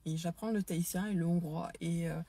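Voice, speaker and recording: A French-speaking woman, a dance and neurotraining teacher, hosts a casual Facebook live stream, enthusiastic yet hesitant with many fillers and restarts. Her low-leaning, mellow voice moves fairly quickly with fairly even intonation.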